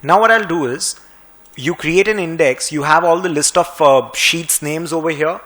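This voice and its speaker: Man, Indian English accent, somewhat high-pitched, brisk conversational trainer, slightly sarcastic, software tutorial. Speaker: finance and Excel trainer. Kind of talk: screen-recorded software tutorial.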